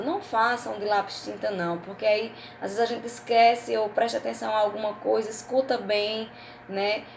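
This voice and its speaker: Woman teacher, slow loud stressed words, echoey room, faint ambience. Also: mid-range voice, a little hiss or hum. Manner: speaks of herself in third person, stresses each word slowly and loudly. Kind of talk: remote lesson for young children.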